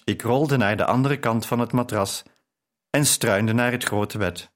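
Male audiobook narrator, measured and even reading of a novel. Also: medium pitch. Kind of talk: scripted narration.

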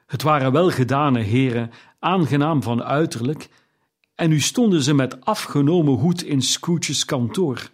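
Male narrator, unhurried, even-pitched, classic storytelling read. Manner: measured, storytelling delivery. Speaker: audiobook narrator. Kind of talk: scripted narration.

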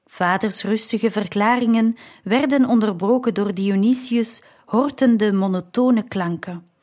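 Een vrouw die een verhaal in de ik-vorm voorleest als luisterboek, afgemeten en gelijkmatig. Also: female voice, mid-range voice, a little mellow. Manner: slow, measured reading. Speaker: audiobook narrator. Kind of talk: scripted narration.

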